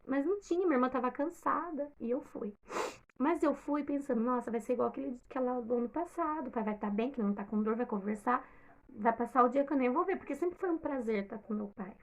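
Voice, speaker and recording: Emotional Brazilian woman with a gravelly voice. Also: high voice, fairly quick. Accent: Brazilian Portuguese. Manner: emotional, retelling with quoted dialogue. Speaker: vlogger. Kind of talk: personal storytelling.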